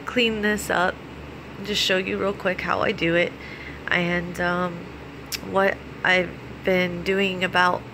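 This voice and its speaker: An American woman speaks in a slightly low register, in the casual style of a personal vlog. She explains practical steps informally, pausing and feeling for her words. A clearly noticeable layer of background noise runs under her voice. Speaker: vlogger.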